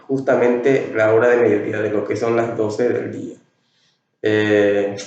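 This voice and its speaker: A man teaching a classroom lesson, speaking slowly and patiently. He draws out the words he wants the students to learn and keeps asking whether they follow. His voice sounds far from the mic in a very echoey room, with a dull, muffled tone. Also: medium pitch, a little mellow. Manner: slow, explanatory, repeats key words drawn out and checks with "ok?". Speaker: English teacher. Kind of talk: classroom lesson explaining English greetings in Spanish.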